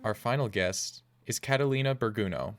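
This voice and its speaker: A male podcast host introducing guests and asking questions in a measured, scripted way. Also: on the low side, dry recording. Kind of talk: scripted narration and interview questions.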